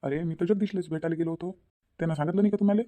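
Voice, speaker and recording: A woman's voice: lowish voice, very fast, no room sound, narrow, tinny audio, pitched below the performer's own voice, natural voice. A woman doing an easygoing young cartoon husband. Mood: offhand.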